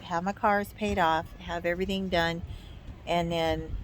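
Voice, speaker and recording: American woman in her 50s ranting casually, kinda low voice, bit of noise behind her. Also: steady tone, unhurried. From United States. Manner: blunt, emphatic complaining. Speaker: vlog co-host. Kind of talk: casual opinionated chat.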